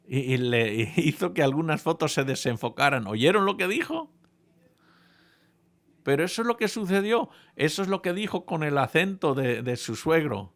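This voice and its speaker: Gravelly-voiced man telling a playful sermon story. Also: fairly high pitch, moderate pace. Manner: playful, animated storytelling with many restarts. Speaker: preacher.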